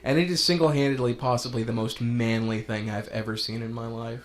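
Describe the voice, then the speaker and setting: A man commentating on a video game playthrough in a casual, rambling way, getting animated as he retells a story. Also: medium pitch, brisk. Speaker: let's play commentator.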